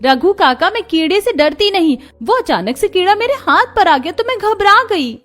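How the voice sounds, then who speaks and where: A woman voicing a spirited young village woman in a cartoon, lively and quick to protest. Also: very high-pitched, pitched above the performer's own voice, heavily acted. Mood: indignant.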